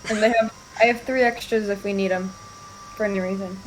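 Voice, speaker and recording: A woman's voice: medium pitch, steady tone, fairly quick, a little hiss or hum, rough recording. A woman playing a tabletop game, chatting casually and second-guessing her choices. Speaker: player.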